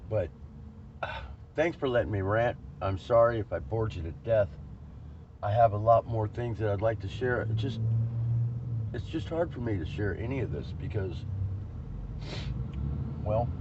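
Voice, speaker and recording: A man talking to camera on a road trip, rambling and emotional, with many restarts and fillers. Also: lowish voice. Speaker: vlogger. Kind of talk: casual vlog monologue. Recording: lo-fi with faint road noise.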